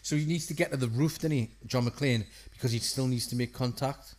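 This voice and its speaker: Bloke, relaxed, chatting films and asking stuff. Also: male voice, mid-range voice, fairly quick. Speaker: podcast co-host. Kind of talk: casual film chat.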